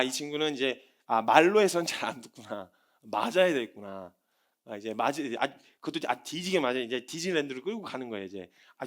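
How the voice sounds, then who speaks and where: A man preaching a sermon as a missionary, animated and acting out everyday scenes. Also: fairly high pitch.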